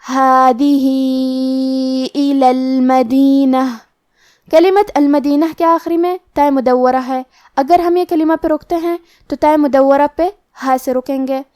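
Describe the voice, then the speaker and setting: A woman teaching the rules of Quran recitation in a scripted lesson, explaining each rule step by step and reciting the words slowly. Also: high-pitched, dark tone, no room sound, clean studio sound.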